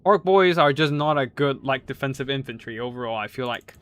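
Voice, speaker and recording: A man's voice: mid-range voice, brisk, fairly bright tone, smooth. A man casually commentating strategy game tournament replays, rambling with many fillers and restarts and swearing now and then. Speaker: game caster.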